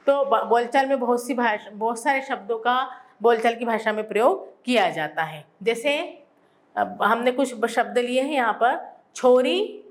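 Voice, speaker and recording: A woman teacher giving a school lesson, explaining slowly and answering her own questions. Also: a little high. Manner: repeats words for emphasis. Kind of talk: classroom Hindi lesson.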